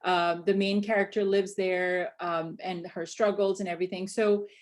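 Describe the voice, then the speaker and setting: A woman's voice: mid-range voice, flat delivery, moderate pace. Woman from Pakistan presenting to teachers. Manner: conversational, many fillers and restarts. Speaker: instructional coach. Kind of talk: conference presentation to educators.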